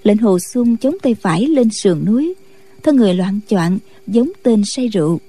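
A woman narrating a martial-arts novel in a steady storytelling voice. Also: medium pitch, normal speed, husky. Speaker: audiobook narrator.

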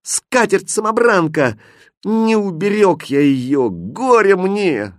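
A man voicing a brave, hot-headed young village hero in a fairy tale, declaring things loudly and fervently. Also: mid-range voice, very animated, normal speed, slightly rough, no room sound, studio quality, pitched above the performer's own voice. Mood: despairing.

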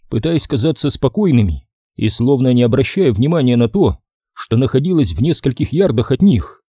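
A man reading an audiobook with a mellow, dark tone and an expressive delivery. His pitch moves freely, and the recording is dry and close with no room sound. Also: breathy edge, no echo. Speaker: audiobook narrator. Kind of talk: scripted narration.

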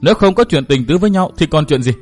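A headstrong young heroine of a martial-arts audiobook, put on by a male narrator, jealous and quick to tears. Her lines sit in a raised, higher register and come out pleading and emotional. Soft music lies behind. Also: expressive. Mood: tearful.

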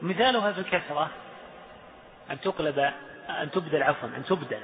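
Male teacher with a slightly high voice. He walks through recitation rules, repeats examples and quizzes the class, recorded in an echoey hall through a tinny line. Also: lively intonation, fast. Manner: repeats examples, chants verses, asks students questions. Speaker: sheikh teaching Quranic recitation. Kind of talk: classroom lesson explaining Quranic recitation rules.

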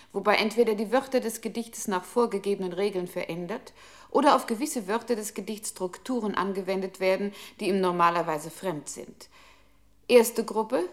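In a radio play, an actress voices a computer's impersonal control system, announcing commands and technical terms with formal precision. Her natural voice is medium in pitch with a fairly bright tone.

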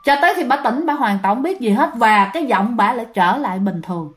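A woman's voice: fairly high pitch, lively intonation, brisk, a bit bright. A woman with a Southern Vietnamese accent, casually telling a ghost story as host and often speaking straight to her listeners. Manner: chatty, addresses listeners directly, many fillers.

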